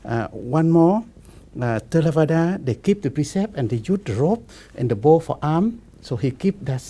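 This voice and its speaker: A Buddhist monk in his fifties, his voice a little high, talks in a relaxed discussion using halting, repetitive non-native English full of restarts.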